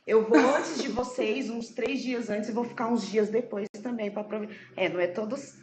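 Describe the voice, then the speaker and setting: A woman's voice: fairly high pitch, normal speed, darkish tone. A woman in an interview, talking earnestly and emphatically about faith and her dreams. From Brazil. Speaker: podcast guest. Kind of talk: casual interview chat.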